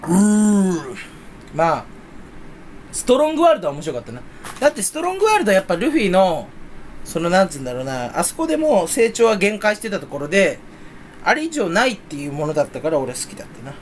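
A young man talks on his own in a rambling, playful way, teasing himself as he goes. His voice sits high and swings widely in pitch. A faint ambient hum runs under the recording. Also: huge pitch swings, fast talker. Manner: rambling, playful, self-mocking; mock Kansai dialect in quoted bits. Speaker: streamer. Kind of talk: solo casual chat.

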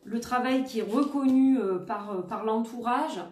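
A woman doing a daily oracle card reading for her viewers, gentle and reassuring, often repeating herself. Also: fairly high pitch, moderate pace, distant mic, a little hiss or hum. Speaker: tarot and oracle card reader. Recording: roomy echo, voice set back from the mic.

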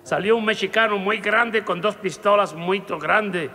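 High-voiced man telling jokes live. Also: unhurried, bright, forceful tone, in a large hall, a little hiss or hum. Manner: mixes Portuguese into Spanish, laughs at own jokes. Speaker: stand-up comedian telling jokes. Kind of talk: live stand-up joke telling. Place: live show before an audience.

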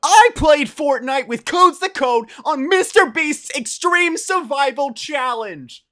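Excitable young man yelling over gameplay. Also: extremely high pitch, takes it slowly. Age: young adult. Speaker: gamer. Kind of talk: live gameplay commentary.

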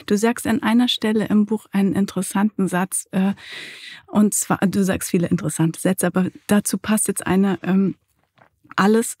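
Husky-voiced woman interviewer. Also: mid-range voice, warm tone, no room sound, clean studio sound. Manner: reflective, asks long questions with fillers. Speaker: interviewer, host. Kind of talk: podcast interview. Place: small studio. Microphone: desk microphone.

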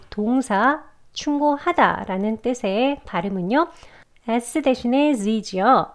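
A Korean-speaking woman teaching English pronunciation step by step, slowly repeating example words. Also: medium pitch. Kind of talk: pronunciation lesson.

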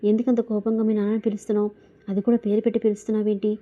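A woman narrator voicing a gentle, worried middle-aged mother who asks questions with concern. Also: medium pitch, little pitch movement, very fast, highs cut off, lightly acted.

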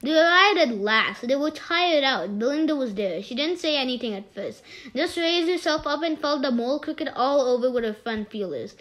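A woman's voice: high-pitched, animated, fairly bright tone. A woman reading a children's story aloud, often stumbling and restarting words. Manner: halting, with frequent restarts.

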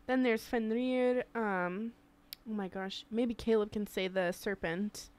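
A woman co-hosting a casual history podcast, chatty and quick to laugh as she reads through a list. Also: mid-range voice, fairly even intonation, a little mellow.

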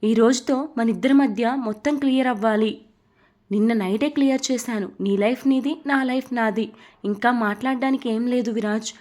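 In a slightly high voice, a woman reads as a flustered young woman who keeps snapping and scolding. She sounds exasperated and quick to lose patience, like a romance heroine in an audio storybook. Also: steady tone, darkish tone, close to an everyday voice. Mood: annoyed.

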